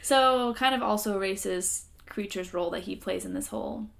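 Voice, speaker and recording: Gravelly-voiced young woman podcast co-host. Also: medium pitch, normal speed, fairly bright tone. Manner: chatty, wry, hedging with fillers. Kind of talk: casual podcast chat.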